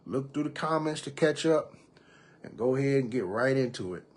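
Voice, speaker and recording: A man's voice: mid-range voice, lively intonation, normal speed, a little hiss or hum. A man in his thirties hosting a live podcast, talking casually and reading viewers' comments aloud. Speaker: podcast host. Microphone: computer or phone mic on a live stream.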